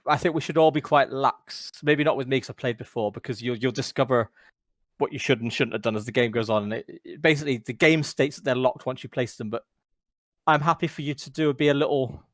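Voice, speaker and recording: A man's voice: mid-range voice, a little fast, dry recording, clean studio sound. Sweary man explaining board game rules. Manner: joking, sweary, guiding others through the rules. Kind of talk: casual gaming chat over voice call.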